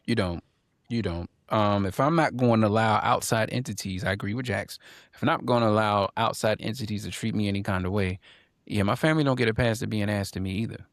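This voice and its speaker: A man's voice: lowish voice, fast, dry recording, studio quality. A man co-hosting a casual podcast panel, talking emphatically, repeating lines for punch and reading viewer comments aloud. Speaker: podcast co-host.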